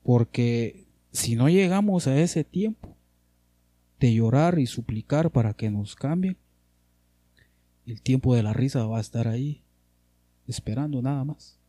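Fervent preacher, dark voice. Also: male voice, mid-range voice, unhurried, pauses often, no echo. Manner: fervent, repetitive pleading, drops soft at ends. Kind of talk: sermon.

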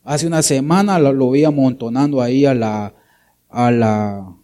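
A man's voice: medium pitch, unhurried, dark tone. A man preaching a sermon, addressing his listeners directly and often asking them to agree. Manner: talks straight to listeners, keeps asking for agreement and calling them brother.

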